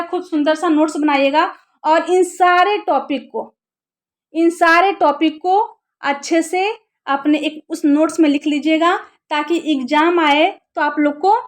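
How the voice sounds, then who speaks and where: A young woman teaching an exam-prep lesson, who asks her class questions and answers them herself while repeating the key terms. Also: high-pitched.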